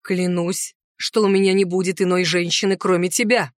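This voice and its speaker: A woman voicing a possessive, insistent male centaur in an audiobook, speaking low, slow and firm. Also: animated, no echo, clean studio sound, close to an everyday voice. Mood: solemn.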